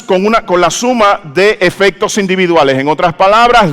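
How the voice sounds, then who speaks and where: A pastor with a high, smooth, fairly bright voice preaches in a church sanctuary. He draws the congregation into call-and-response and questions them, his words echoing with the hall's long reverb.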